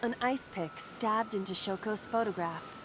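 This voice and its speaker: A woman playing a composed AI partner in a video game, speaking in a measured, precise, explanatory way. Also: mid-range voice, over music, lightly acted, rough recording. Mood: analytical, composed. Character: composed female AI partner guiding a detective.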